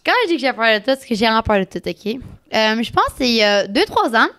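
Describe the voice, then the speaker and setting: A young woman with a Québécois French accent, co-hosting a casual chat and telling stories in an animated, dramatic way. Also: fairly high pitch, fast, smooth. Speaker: co-host.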